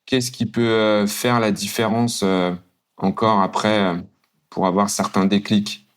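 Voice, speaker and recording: A man's voice: on the low side, flat delivery, unhurried. A man from France, a mental coach hosting a podcast, who asks long, casual questions full of fillers.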